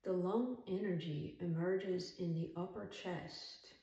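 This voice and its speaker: A meditation instructor with a fairly low voice guides listeners calmly and soothingly, in measured phrases separated by long pauses. The recording is muffled, with a roomy echo and the speaker distant from the mic.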